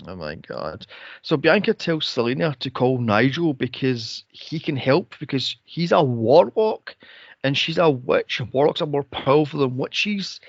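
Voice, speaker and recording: A man co-hosting a movie podcast speaks in a somewhat high, slightly rough voice at a slightly slow pace. He retells scenes with sarcasm and exasperation, swearing often and mocking moments in put-on voices during casual movie review chat. The recording is dry, with the highs cut off.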